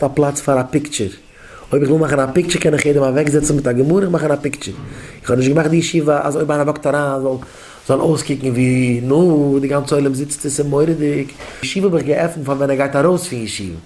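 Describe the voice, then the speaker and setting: Rabbi giving an animated Yiddish talk. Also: male voice, medium pitch, slight background noise. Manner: animated, acts out greetings to children. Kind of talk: daily Yiddish inspirational talk.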